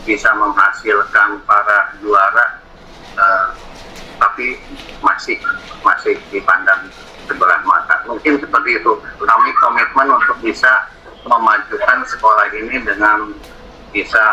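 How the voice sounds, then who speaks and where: A man's voice: lowish voice, bright, forceful tone, slight background noise, low-quality recording. A man, a teacher standing in for his principal, giving a formal report in a meeting and repeating words as he goes.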